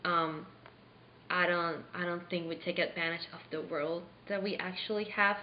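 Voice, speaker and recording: Low-voiced young woman from Venezuela. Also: fairly even intonation, slight background noise. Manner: earnest, halting with fillers. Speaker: interviewee playing a charity founder. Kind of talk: staged mock interview. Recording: roomy, slightly dull sound.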